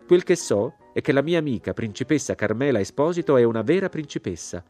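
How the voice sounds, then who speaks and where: A man's voice: mid-range voice, lively intonation, brisk, a little mellow, soft background music, voice pushed up, close to an everyday voice. A man doing a haughty American society lady. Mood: indignant. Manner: indignant, moralizing, cold.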